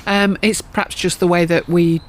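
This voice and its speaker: A woman's voice: on the low side, flat delivery, normal speed. A woman co-hosting an allotment podcast, teasing and down-to-earth in casual chat. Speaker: podcast co-host.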